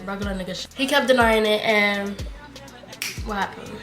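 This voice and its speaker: Her mid-range voice keeps a normal pace as this twentysomething woman retells a story with quoted dialogue, slangy and animated, vlog-style. There's reverb, and music plays behind her.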